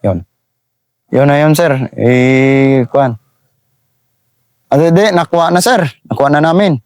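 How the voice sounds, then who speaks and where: Gravelly Visayan sergeant, higher-pitched. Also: male voice, a little mellow, dry recording. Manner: halting, repeats phrases, keeps saying "sir". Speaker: army sergeant telling a war story. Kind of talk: interview storytelling.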